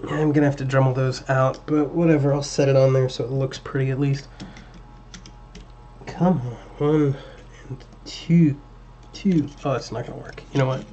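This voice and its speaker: A man hosting a casual livestream while building a drone, chatting with viewers and muttering to himself as he works, his voice slightly hoarse. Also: medium pitch, moderate pace, long pauses, muffled recording, slight background noise. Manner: relaxed, chatty, muttering at parts while working.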